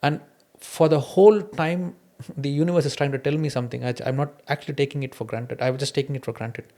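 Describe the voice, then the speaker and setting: With a mellow, medium-pitched voice and fairly even intonation, a fast-talking man hosts a podcast, candidly reflecting on his own experiences through personal anecdotes. He has an Indian accent, being a non-native English speaker whose first language is an Indian mother tongue.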